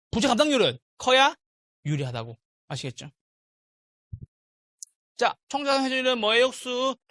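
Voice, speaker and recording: Middle-aged male lecturer, lively swinging pitch, bright forceful tone, quizzes the class over and over. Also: no room sound, clean studio sound. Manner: animated, drills students with repeated call-and-response questions. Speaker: real estate exam lecturer.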